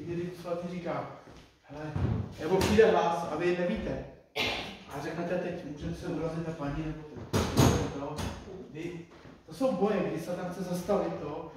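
A middle-aged man preaches an informal sermon, his fairly high voice bouncing around a very echoey church hall. He sits well back from the mic and talks conversationally, repeating himself and turning to the audience with questions. A faint hiss lies under the sound. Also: darkish tone. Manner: conversational, repeats phrases, addresses listeners directly. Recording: echoey room, distant mic.

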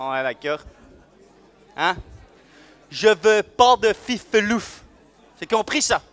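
A man playing a brash, swaggering, bigoted police officer in a live comic sketch, mocking and bursting into sudden shouts. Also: sits high, heavily acted. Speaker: comedian at a live event. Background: faint audience in a room.

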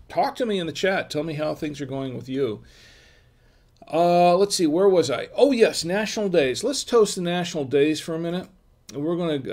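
A man's voice: a little high, darkish tone. An older man from Florida hosting a home wine vlog, chatting in a rambling, digressive way with lots of fillers and chuckles, recorded on a webcam at his desk. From Florida, USA. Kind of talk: casual rambling livestream chat. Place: home room with wine bottle shelves.

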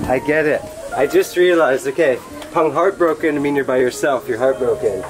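A man in his thirties, chatty and upbeat, narrating a travel vlog outdoors with a handheld camera at arm's length. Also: mid-range voice. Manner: upbeat, chatty, laughs often. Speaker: travel vlogger. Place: outdoors at a beach cafe and beach.

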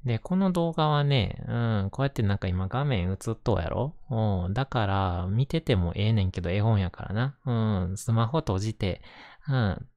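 A man with a Kansai accent talking gently and casually in a reassuring, intimate ASMR bedtime style, close to the microphone. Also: fairly low pitch, animated, moderate pace, no echo. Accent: Kansai Japanese. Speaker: host reading bedtime picture books to listener.

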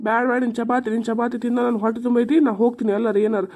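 A woman voicing an old drunkard village husband, who talks back gruffly and curtly in a cartoon comedy. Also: fairly high pitch, little pitch movement, racing, darkish tone, natural voice.

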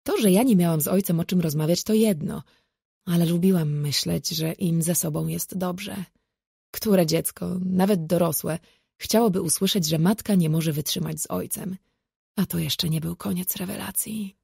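A woman's voice: on the low side, normal speed, gravelly, dark tone, husky, no echo. A woman narrating a first-person audiobook in a wry, dry storytelling manner.

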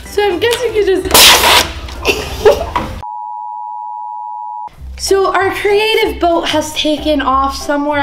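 Woman, high voice, slow easy pace, goofy chatty kids' show host, echoey room. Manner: goofy, chatty, hesitant with fillers. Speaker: children's ministry video host. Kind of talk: playful kids' show segment.

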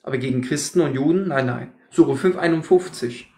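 A man's voice: fairly high pitch, normal speed, darkish tone, roomy sound. A man hosting a heated debate livestream, scolding and repeating his accusations in a combative way. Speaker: livestream host.

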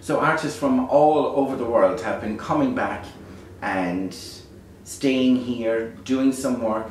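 A man's voice: mid-range voice, slow pace, very echoey. Man, Irish accent, lilting storyteller, reflective casual delivery, distant microphone, faint background noise. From Ireland. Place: beside a small fire in a dark stone hearth. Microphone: distant camera microphone.

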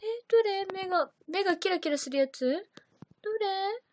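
Giggly high-voiced young woman livestreaming. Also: expressive, normal speed, darkish tone. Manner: giggly, chatty, reacts to comments. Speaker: idol livestream host. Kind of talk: casual livestream chat reading comments.

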